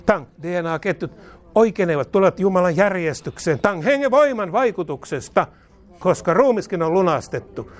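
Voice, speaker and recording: A man with a high voice leads a charismatic healing prayer. He chants each line twice in a steady cadence so listeners can repeat it, and he breaks into rhythmic tongues between the lines. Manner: chanting repetitive calls with speaking in tongues. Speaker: preacher.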